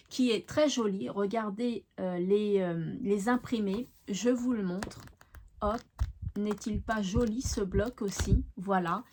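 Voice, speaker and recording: A woman hosting a craft channel, chatting fondly to viewers as she presents giveaway prizes, with lots of fillers along the way. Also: a little high.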